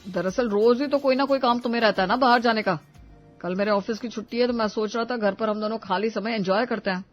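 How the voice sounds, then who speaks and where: A woman's voice: on the high side, fast talker, highs cut off, faint music behind, close to an everyday voice. A woman voicing a put-upon young husband in a cartoon, complaining and teasing by turns. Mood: coaxing. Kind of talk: cartoon voice acting.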